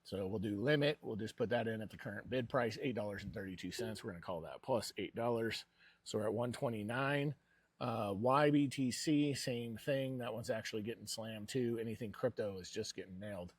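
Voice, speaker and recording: A man's voice: fairly low pitch, a little fast, husky, no echo. A man hosting a personal investing vlog with casual, rambling commentary.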